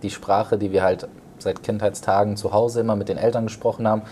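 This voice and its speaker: A startup founder from Germany answers a host's questions, his voice lower than most men's and soft and mellow. He explains things earnestly and at length, in a plain conversational register. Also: flat delivery, a little fast, a little hiss or hum. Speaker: startup founder, interview guest. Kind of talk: interview answers.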